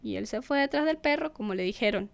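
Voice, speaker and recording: A woman's voice: fairly high pitch, lively intonation, fast, vocal fry. A woman telling a folk tale expressively, repeating words for rhythm. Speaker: storyteller.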